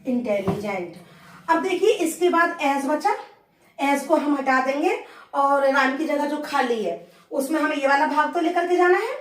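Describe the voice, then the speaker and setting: A woman with a high voice explains grammar rules step by step, checking in often with a rising "okay". She slows right down to dictate example sentences word by word. The sound is roomy and echoey, picked up from some way off the mic. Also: expressive, recorded from a distance. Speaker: English grammar teacher. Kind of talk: blackboard grammar lesson.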